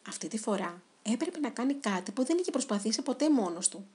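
A woman narrating a children's storybook in an expressive, dramatic way. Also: on the high side, slightly rough.

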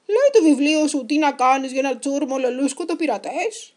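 A woman voicing a stern, loud male pirate captain in a children's story. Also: high voice, animated. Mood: curious.

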